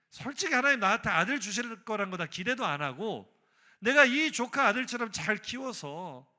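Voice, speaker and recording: A man's voice: extremely high pitch, sharp tone, voice pushed up, full character voice. A man voicing an aggrieved aged patriarch who confronts God, indignant and pleading.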